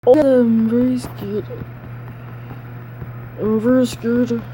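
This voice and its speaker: A woman giving casual gameplay commentary, excitable and rambling, jumping into high squeals and dropping to mutters. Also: slow pace, a little hiss or hum, poor audio. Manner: rambling, trails off mid-sentence. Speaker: gaming channel host.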